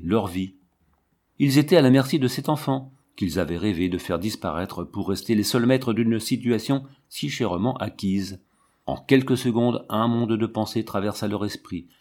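A man narrating a classic novel as an audiobook in a dramatic, measured way. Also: mid-range voice, a little mellow.

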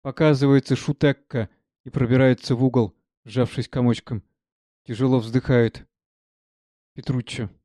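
A man reading a play aloud, giving the character names and stage directions in a quiet, even voice. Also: medium pitch, moderate pace, long pauses, dry recording.

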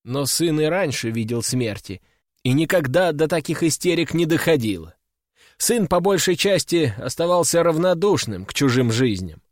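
A man narrating a crime story in an even, measured storytelling manner. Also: on the high side, dry recording. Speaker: audiobook narrator. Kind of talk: scripted narration. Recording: dry close studio sound, faint music.

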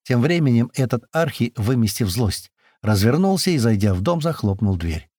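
A man reading a first-person audiobook aloud, brisk storytelling with voiced dialogue. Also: mid-range voice, sing-song, dark tone, no room sound, clean studio sound. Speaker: audiobook narrator.

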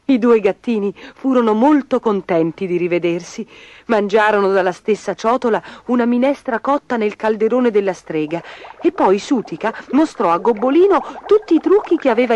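A woman reading a fairy tale aloud as a storyteller, with a gentle, lively telling. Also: fairly high pitch. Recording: noisy background.

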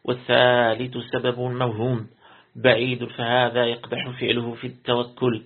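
A man, a sheikh, reading a religious commentary aloud as a lesson. He reads steadily, repeats words to correct himself and slows into chant for quoted verses. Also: mid-range voice, completely flat delivery, slightly rough. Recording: tinny lo-fi phone-like recording.

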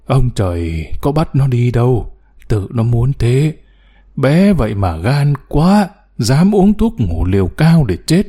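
A man's voice: medium pitch, sing-song, takes it slowly, slightly rough, full character voice. A man doing a kindly old woman. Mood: consoling. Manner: soothing, gently scolding. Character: kindly old woman, hospital patient, consoling.

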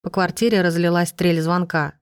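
A woman reading a novel aloud as narrator, in an even, measured way. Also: fairly low pitch, smooth, dry recording, studio quality. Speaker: audiobook narrator. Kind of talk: scripted narration.

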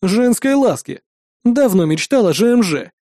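A man's voice: high voice, sing-song, brisk, warm tone, no echo, clean studio sound. A man voicing a cold, brash male officer who snaps threats and orders.

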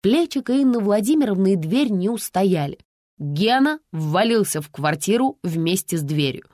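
Lively expressive woman narrator. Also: medium pitch, normal speed, dry recording, clean studio sound. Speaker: audiobook narrator. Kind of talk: storytelling narration.

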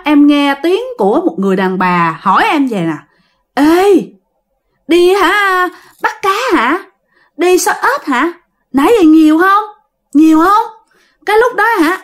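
A woman's voice: sits high, pitched above the performer's own voice. A woman voicing a terrified young man who has just seen a ghost, crying out and pleading.

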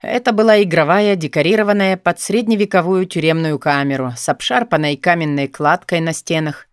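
A man narrating an audiobook in a steady, matter-of-fact tone. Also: on the high side, fairly quick, clean tone, no echo, studio quality.

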